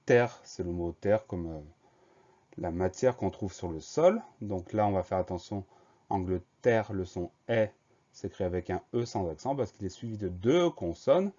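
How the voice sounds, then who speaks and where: A man teaching a spelling lesson, spelling words out slowly, letter by letter. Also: on the low side, expressive, warm tone. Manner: slow, careful letter-by-letter spelling. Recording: dull lo-fi recording.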